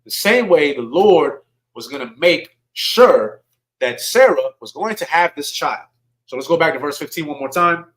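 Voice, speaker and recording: His sermon feels like a conversation: this man reads scripture, quizzes the congregation, and uses dialect words such as "y'all." A teacher at a religious service, he sounds a little high, animated, and a bit bright at normal speed, on a rough recording.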